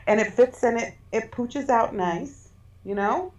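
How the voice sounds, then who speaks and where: A woman's voice: fairly high pitch, a little slow, darkish tone, lo-fi sound. A woman co-hosting a podcast in easy casual chat. She rambles with small restarts and laughs readily. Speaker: podcast co-host.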